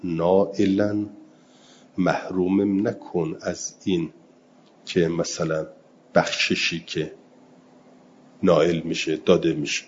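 A man teaching a religious lesson, reading Arabic text slowly and then explaining it quickly in colloquial Persian. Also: low-pitched, level tone, dull audio, slight background noise. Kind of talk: seminary lesson explaining Quranic grammar.

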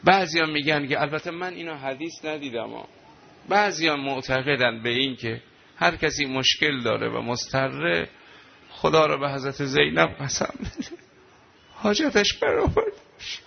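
A male preacher with a gravelly, slightly high voice, delivering a sermon that turns into a wailing lament. The recording is dull and lo-fi, with faint ambience behind him. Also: slight background noise. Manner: emotional, rising to a wailing lament. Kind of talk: religious sermon with mourning recitation.

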